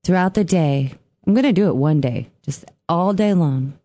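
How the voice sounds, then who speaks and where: A woman co-hosting a radio morning show, animated and giggly in playful banter. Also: fairly low pitch, normal speed. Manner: giggly, animated, mock-sultry reading. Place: radio studio. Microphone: studio mic.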